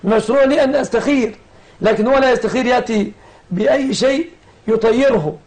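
Brief: brisk male host of a religious broadcast, gravelly voice, fast delivery. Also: extremely high pitch, darkish tone. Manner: brisk, leads questioning of guest and callers.

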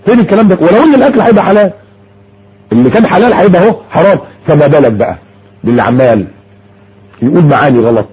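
A man's voice: a little high, lively intonation, very fast, long pauses, a little mellow, a little hiss or hum. A man with an Egyptian Arabic accent preaching a sermon, firing rhetorical questions and mockingly repeating words. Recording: muffled lo-fi audio.

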